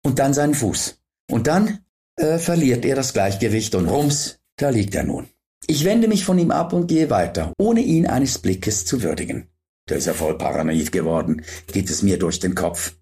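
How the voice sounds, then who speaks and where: A man telling a comic story in an ironic, animated way, as a comedian. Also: mid-range voice.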